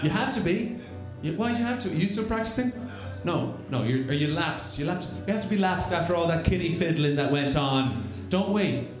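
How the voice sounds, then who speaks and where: A man's voice: a little high, expressive, brisk. A man doing crowd work on a comedy stage, teasing audience members with sardonic questions. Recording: very echoey club with music.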